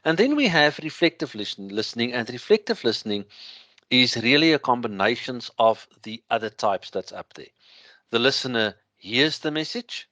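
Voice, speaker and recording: A man with a thick Afrikaans accent lecturing through slides, explaining in a halting way with everyday examples. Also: mid-range voice, sing-song, sharp tone, no room sound.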